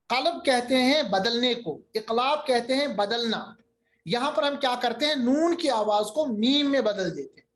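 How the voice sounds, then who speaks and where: Patient man teaching Quran recitation. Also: very high-pitched. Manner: patient, repeats terms, draws out recited examples slowly. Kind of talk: online tajweed lesson.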